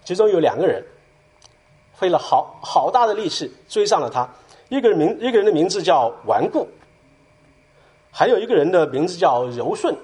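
A man speaking at church, retelling a story as a sermon in an animated way and dotting his talk with filler sounds. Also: high-pitched, moderate pace, pauses often, slightly rough.

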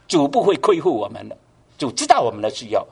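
A man's voice: medium pitch, wildly swooping pitch, quick pace, creaky, breathy edge. A man preaching a sermon, asking the congregation rhetorical questions and pushing his voice up for emphasis. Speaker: pastor.

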